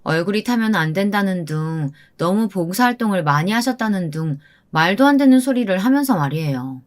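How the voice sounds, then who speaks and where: A woman narrating a first-person drama story in a steady storytelling manner. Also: mid-range voice.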